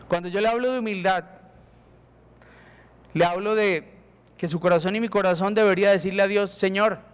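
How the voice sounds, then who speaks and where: Man, Colombian accent, pastor, emphatic sermon, smooth resonant voice, long hall reverb. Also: high-pitched, fairly even intonation, moderate pace. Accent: Colombian Spanish. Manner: emphatic preaching, acts out prayers to God.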